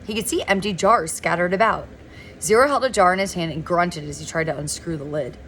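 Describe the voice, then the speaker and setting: A woman reading a novel aloud in a relaxed, informal way, now and then stumbling over words and correcting herself. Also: on the low side, brisk, slight background noise. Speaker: reader of a novel. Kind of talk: informal read-aloud narration.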